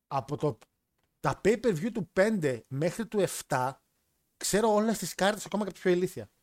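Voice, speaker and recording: A man hosting a casual wrestling podcast, leading the questions and swearing freely in relaxed chat. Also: high-pitched, no room sound. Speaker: podcast host.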